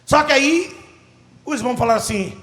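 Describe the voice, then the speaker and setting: A man with a Brazilian Portuguese accent, a pastor preaching a sermon and telling a story with animated, dramatic delivery. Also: extremely high pitch, brisk, echoey room.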